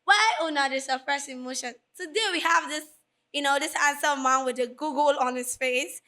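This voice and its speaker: A woman's voice: high voice, normal speed, pushed and bright. A Nigerian woman hosting a casual interview chat, playful and laughing often. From Lagos, Nigeria. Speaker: podcast host.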